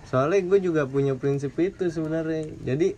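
Young male co-host, slang, joking, reads comments aloud, slightly high voice, faint room noise. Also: fairly quick, a little mellow. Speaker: podcast co-host. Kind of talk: casual group chat.

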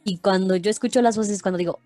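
A woman's voice: mid-range voice, fast, warm tone, no room sound. A woman, co-hosting a podcast in casual chat, thoughtful with hesitant restarts. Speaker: podcast co-host. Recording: faint music behind.

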